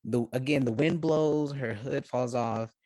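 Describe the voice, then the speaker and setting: A man playing in a tabletop game, describing his character's actions in a halting way. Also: mid-range voice, warm tone, dry recording. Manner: halting, with many fillers and restarts. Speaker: player. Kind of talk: casual role-play chat.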